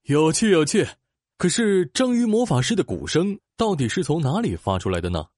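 A woman voicing a curious, polite dolphin doctor in a children's audio story, earnest and exclamatory, with a husky voice. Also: deep voice, big pitch swings, normal speed, darkish tone, no room sound, clean studio sound. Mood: intrigued.

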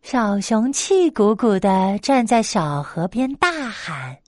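A woman narrating a bedtime story, gentle and expressive. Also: medium pitch, slow pace, no echo, clean studio sound.

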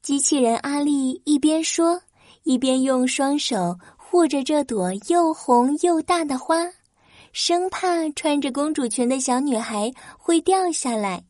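Woman, children's storyteller, high voice, scripted narration, dry studio-like sound. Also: lively intonation, unhurried, darkish tone, no room sound.

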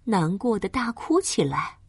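A woman narrating a bedtime story for small children in a gentle, breathy, dramatized way with drawn-out phrasing. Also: mid-range voice, sing-song, no echo, studio quality.

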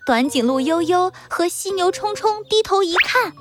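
A woman storyteller narrates for children in a high voice with animated, swooping intonation. Music plays behind her. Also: normal speed.

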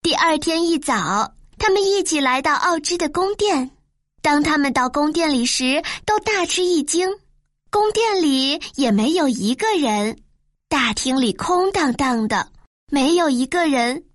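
Woman storyteller, high bright voice, expressive children's narration, dry studio sound. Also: unhurried, no room sound.

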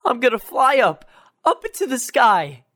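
A woman's voice: medium pitch, big pitch swings, slow, no echo, studio quality, pitched below the performer's own voice. A woman voicing the eldest pea brother, restless and eager to see the world. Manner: impatient, bold.

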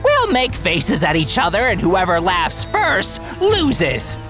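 A woman's voice: mid-range voice, huge pitch swings, takes it slowly, music in the background. A woman voicing a smug, bossy adult male goose who leads a club in a cartoon, blustering and cackling. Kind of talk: cartoon voice acting.

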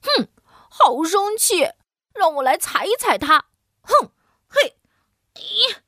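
A woman's voice: high voice, expressive, normal speed, a bit bright, dry recording, clean studio sound, pitched above the performer's own voice. A woman voicing a grumpy, pouting little boy piglet in a storybook. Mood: huffy. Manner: whiny, huffy, pouting.

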